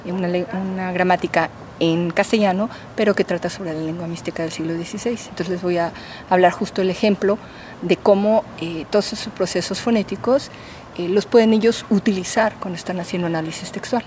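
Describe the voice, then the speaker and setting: A woman's voice: lowish voice, steady tone, brisk, darkish tone, slight background noise. A woman professor, answering interview questions in a patient, teacherly way with many fillers. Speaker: linguistics professor.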